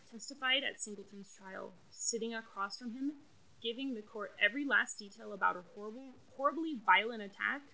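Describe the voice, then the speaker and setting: A woman's voice: a little high, vocal fry, sharp tone, poor audio. A woman co-hosting a podcast, telling a true crime story in a chatty, casual way with lots of fillers. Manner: chatty, frequent fillers and restarts.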